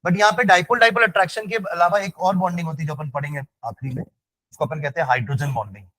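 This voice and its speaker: High, bright-voiced male chemistry teacher. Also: fast talker, no echo. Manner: asks students constantly if they follow, drags out dictated phrases. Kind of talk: classroom lecture with slow dictation.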